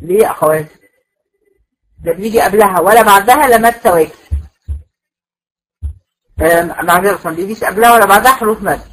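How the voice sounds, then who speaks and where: A woman's voice: medium pitch, fast talker, long pauses, poor audio. A woman with an Egyptian accent teaching Quran recitation rules in a classroom lecture, patiently repeating points and checking that students follow. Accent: Egyptian Arabic.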